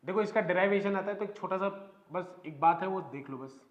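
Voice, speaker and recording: High-voiced man teaching in an echoey room. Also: fairly quick. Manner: explains step by step, keeps asking students questions. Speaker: physics teacher. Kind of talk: classroom lecture. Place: classroom. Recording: echoey room, dull lo-fi sound.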